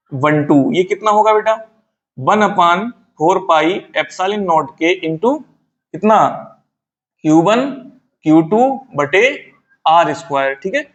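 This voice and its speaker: High-voiced man drilling students by call and answer. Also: highs cut off. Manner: asks questions and answers them himself, repeating key terms; calls students "beta" fondly. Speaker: physics teacher. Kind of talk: classroom lecture at a whiteboard.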